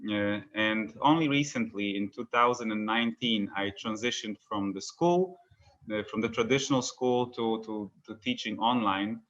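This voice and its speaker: A man's voice: lowish voice, moderate pace, fairly bright tone, dull audio. A man from Poland, founder of an education company, talking casually in an interview with many fillers and restarts.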